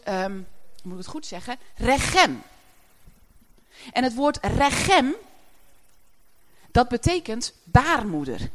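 A woman preaching a sermon in a chatty way, often laughing as she speaks to the congregation. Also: high-pitched.

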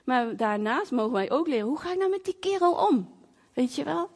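Animated woman preaching through a story. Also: sits high, fairly quick. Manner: storytelling, animated, acts out voices and sounds; frequent fillers, conversational. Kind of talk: sermon with personal story.

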